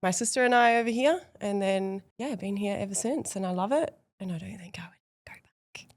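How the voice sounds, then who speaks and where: A woman's voice: medium pitch, fairly quick. A woman in her late twenties, originally from New Zealand, speaking as a guest in a casual interview, with lots of fillers like yeah and like. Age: 20s. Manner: chatty, with many fillers such as yeah and like.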